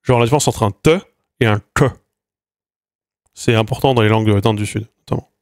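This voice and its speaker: A man's voice: on the low side, fairly quick, no echo, clean studio sound. A man giving a casual phonetics lesson on stream, hesitant with many fillers and restarts, sounding out consonants as he explains them. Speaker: linguistics streamer.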